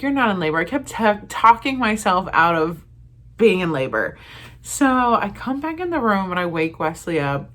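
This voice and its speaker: A young woman in her twenties, chatting casually to camera as a vlogger, animated and full of fillers as she acts out what everyone said. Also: on the low side. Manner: animated, lots of fillers and acted-out quotes.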